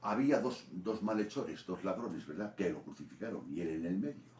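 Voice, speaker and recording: A man with a Spanish accent from Spain, preaching a sermon in an animated storytelling way. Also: deep voice, fairly quick, slight background noise. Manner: animated storytelling preaching, rising to loud peaks. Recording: roomy echo from a distant mic.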